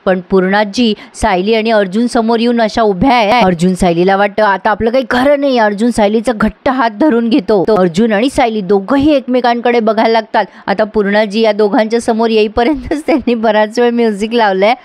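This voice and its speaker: A woman recapping a TV serial episode in casual, lively storytelling, talking straight to her viewers. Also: a little high, a little fast, hardly any pauses, no echo. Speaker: TV serial reviewer.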